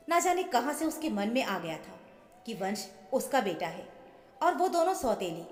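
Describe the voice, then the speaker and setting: A woman telling a scripted emotional family story in an earnest, measured manner. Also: medium pitch. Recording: echoey with long reverb, soft music. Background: soft background music.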